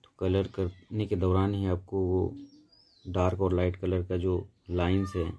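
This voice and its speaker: A man's voice: deep voice, completely flat delivery, measured pace, mellow, muffled recording, a little hiss or hum. A man giving a painting tutorial in a voice-over, explaining each step patiently and steadily. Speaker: painting instructor.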